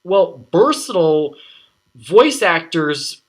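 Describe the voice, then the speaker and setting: A man giving an exasperated, sarcastic film review, swearing often and pausing to collect his thoughts. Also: a little high, very animated.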